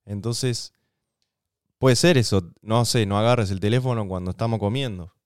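Podcast co-host, Argentine man, smooth voice, dry close sound, easygoing and slangy. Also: lowish voice, normal speed, dry recording. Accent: Rioplatense Spanish. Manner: relaxed, conversational, uses slang and examples. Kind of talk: casual relationship advice chat.

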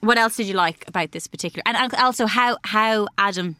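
A woman's voice: medium pitch, fairly quick, pushed and bright, no room sound, clean studio sound. A woman co-hosting a podcast in casual, teasing chat. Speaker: podcast co-host.

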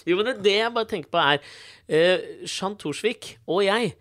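A man's voice: high-pitched, expressive, fairly bright tone. A man, co-hosting a podcast, arguing his point in wry, mock-earnest banter. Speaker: podcast co-host. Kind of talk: casual banter.

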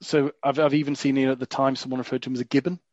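A man's voice: medium pitch, level tone, rapid-fire, a little mellow, no echo. Chatty man hosting a podcast. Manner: chatty, jokey, frequent "you know" fillers. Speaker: podcast host. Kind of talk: casual podcast chat. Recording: dull lo-fi dry recording.

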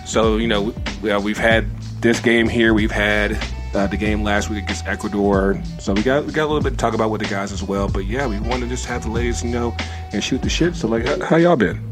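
A man's voice: on the low side, fairly quick, over music. A man hosting a podcast in a laid-back, rambling way with lots of fillers. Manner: laid-back, filler-heavy, restarts often. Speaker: podcast host. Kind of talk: casual chat.

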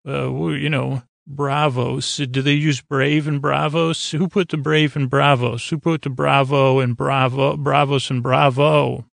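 A man hosting a sleep podcast talks in a creaky, medium-pitched voice with little pitch movement, recorded at studio quality with no room sound. His rambling bedtime musings, aimed at helping listeners sleep, are halting and mildly goofy, slipping into repetition and wordplay.

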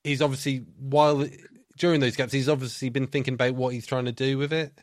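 A man's voice: medium pitch, flat delivery, fast talker, no room sound. Chatty man hosting a podcast, dry sound. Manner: chatty, conversational, self-deprecating jokes. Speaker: podcast host. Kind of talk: casual podcast interview.

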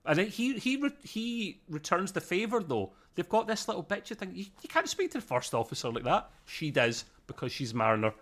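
A man's voice: high voice, sing-song, brisk, hardly any pauses, fairly bright tone. A man with a British accent co-hosting a podcast, chatting casually in a rambling, self-interrupting way. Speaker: podcast co-host. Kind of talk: casual review chat.

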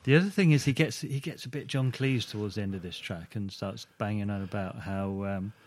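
A man's voice: fairly low pitch, a little fast. A man co-hosting a podcast, picking apart a song in a thoughtful, analytical way and steering the chat back on topic. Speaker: podcast co-host. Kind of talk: casual music review chat.

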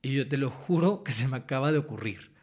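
A young man with a Mexican Spanish accent, a guest writer and actor telling stories in a casual interview, animated and often laughing. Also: medium pitch, quick pace, slightly rough.

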